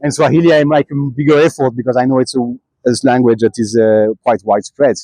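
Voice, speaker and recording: A young man, a cyclist answering questions in a relaxed interview, pausing and restarting often. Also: mid-range voice, no echo, poor audio. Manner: halting, many restarts and fillers. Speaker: traveling cyclist.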